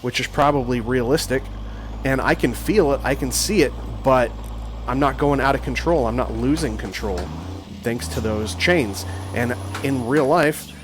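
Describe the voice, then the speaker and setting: A man at an ordinary pitch talks through his truck-driving game in a loose, rambling way, full of ums and self-corrections. A faint hum of engine noise sits under his voice. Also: moderate pace. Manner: rambling, with frequent fillers and restarts. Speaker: gaming channel host. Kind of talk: casual gameplay commentary.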